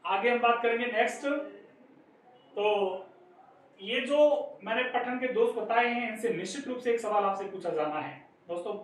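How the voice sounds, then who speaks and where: High-voiced male teacher in an echoey room. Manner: explains step by step, often addresses listeners as friends. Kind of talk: exam-prep lecture. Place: classroom. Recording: echoey room, distant mic, faint noise.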